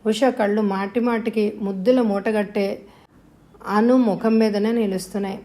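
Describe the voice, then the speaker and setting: A woman's voice: mid-range voice, steady tone, normal speed, mellow. A woman narrating an audio novel, voicing the dialogue with feeling. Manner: voices dialogue with rising emotion.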